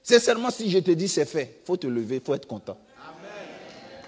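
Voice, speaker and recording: A male pastor with an Ivorian French accent preaching a sermon, swinging between loud emphatic outbursts and quiet asides. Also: high voice, very animated, moderate pace, breathy edge. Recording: long reverb of a church hall.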